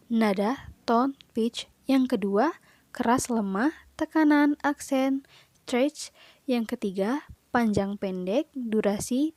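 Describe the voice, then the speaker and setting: A woman's voice: fairly high pitch, darkish tone, no room sound. A young woman, a university student, presenting a lesson by reading listed points aloud in short phrases with occasional fillers. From Indonesia. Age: young adult. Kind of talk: read-aloud lecture presentation.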